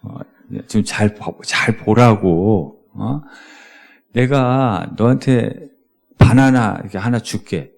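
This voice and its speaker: A man voicing a male schoolteacher who explains slowly and carefully, his voice rising as he grows exasperated. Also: fairly low pitch, gravelly, a little mellow. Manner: slow, over-articulated explaining, voice rising. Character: patient then exasperated adult male schoolteacher.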